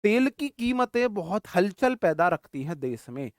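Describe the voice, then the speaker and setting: A man teaching vocabulary with a fairly high voice, recorded close and dry with no room sound. He talks animatedly, repeating key words and firing off quick questions. He jokes through memory tricks and keeps calling the class brother. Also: very animated, no echo. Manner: jokey memory tricks, calls listeners brother. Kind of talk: classroom lecture.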